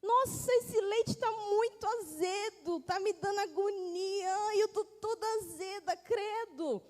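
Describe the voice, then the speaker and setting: A woman's voice: very high voice, slow, a little mellow, voice pushed up. A woman voicing a little female cup that is disgusted by sour milk. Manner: squeamish, disgusted. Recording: echoey hall.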